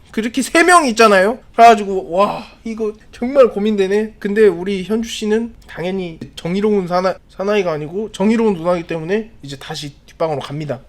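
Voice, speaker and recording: A man delivers a goofy recap of a TV episode, jumping between narration, asides and little acted scenes. His voice sits high for a man and stays animated throughout. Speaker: video reviewer.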